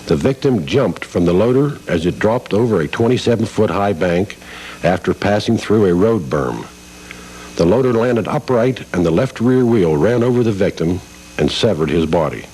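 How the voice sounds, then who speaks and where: A man's voice: on the low side, a little mellow, poor audio. A man reading formal scripted narration for a safety video, heard from a worn VHS tape copy. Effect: worn VHS tape copy with faint hiss and hum.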